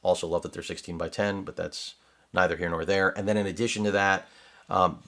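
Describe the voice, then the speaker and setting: This middle-aged tech reviewer's voice is low-pitched and fairly bright, fairly even in intonation, and fairly quick. He gives casual unboxing commentary on a laptop from his home studio, rambling and digressing with sarcastic asides.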